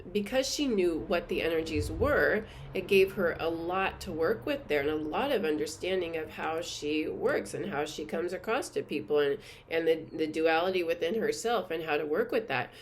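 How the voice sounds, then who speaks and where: A woman hosting her own channel, chatting earnestly and reflectively to camera, with many fillers and soft laughs. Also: fairly low pitch. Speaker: spiritual teacher and channel host. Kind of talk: casual reflective monologue to camera.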